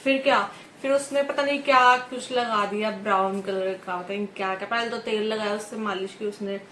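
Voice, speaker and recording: A woman's voice: mid-range voice, steady tone, moderate pace, fairly bright tone, roomy sound, slight background noise. A young woman from India chatting casually to camera in a vlog, telling a story and acting out the back-and-forth with others. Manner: chatty, often adds "ठीक है" and acts out dialogue. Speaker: vlogger.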